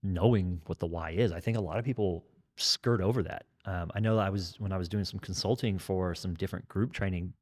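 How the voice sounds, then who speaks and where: His voice is low, darkish, and nasal, and he moves at a fairly quick clip. A kettlebell trainer and fitness educator in his forties, he chats at length in a casual podcast conversation, joking and explaining things in exhaustive detail.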